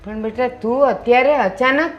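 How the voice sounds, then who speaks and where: An actress playing a kind, protective older mother who speaks gently and pleads with her family, in a family drama. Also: on the high side, normal speed, highs cut off, faint music behind, close to an everyday voice.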